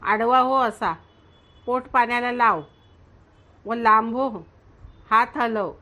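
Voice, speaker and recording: An encouraging young village man, patiently coaxing a frightened boy through his first swim, as a woman narrator puts him on. The delivery is slow and fairly high, instructive and reassuring in a storybook manner. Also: steady tone, sharp tone. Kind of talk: storybook reading.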